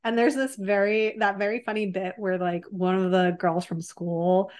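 A woman chatting casually about a film, animated and full of fillers. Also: medium pitch, normal speed.

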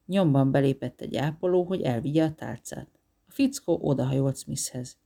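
A man reading a novel aloud as an audiobook narrator, measured and even. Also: mid-range voice, gravelly. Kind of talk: scripted narration.

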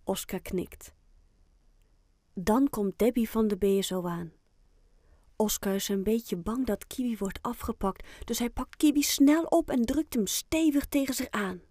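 A woman narrating a children's audiobook in a calm, clear storytelling manner. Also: on the high side, measured pace, no room sound, clean studio sound.

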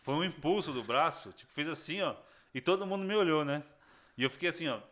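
There's slight background noise as a young man with a somewhat high voice rapidly tells his personal conversion story as a guest. He keeps it casual and slangy, lively as he impersonates the voices of the characters involved.

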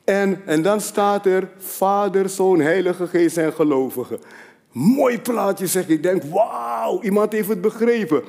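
A man with a fairly high voice preaching a sermon in a large church hall, where a long reverb trails his words. He swings between quiet, confiding asides and loud, rising declarations. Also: expressive, unhurried, vocal fry. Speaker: apostle preaching.

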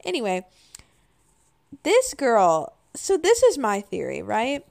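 A woman in her twenties talks casually as a podcast co-host. Her voice is heavily creaky with vocal fry and sounds a little tired. Her phrasing is informal and full of "like.". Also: on the high side, huge pitch swings, slow pace, a little mellow. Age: 20s. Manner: informal, frequent "like" as filler. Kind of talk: casual chat and commentary.

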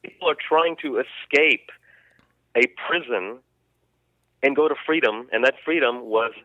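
A man's voice: medium pitch, measured pace, dry recording. A man co-hosting a history podcast, talking in an opinionated, emphatic way with frequent restarts. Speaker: podcast co-host. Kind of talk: casual history podcast chat. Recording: dry tinny phone-like line.

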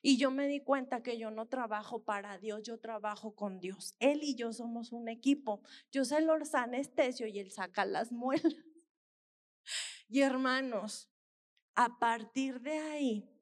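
A woman, a missionary dentist giving an earnest sermon testimony and often calling her listeners brothers. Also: on the high side. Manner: earnest storytelling, repeatedly addressing listeners as brothers.

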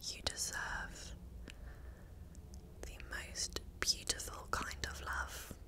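Close to the microphone, a woman softly whispers affirmations for ASMR; her breathy pep talk is soothing and supportive, broken by pauses.

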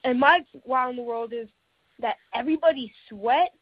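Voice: high-pitched, moderate pace, dry recording. A child from Texas leaving a prepared phone message as a contestant on a show. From Texas, United States. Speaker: call-in contestant. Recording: dull phone line with faint noise.

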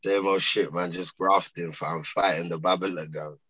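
A man with a deep, husky London voice and a hard, forceful edge. He chats casually in streetwise slang, ending thoughts on tag questions, recorded dry. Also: steady tone, normal speed, dry recording, muffled recording. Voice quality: raspy, forceful. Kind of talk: casual chat.

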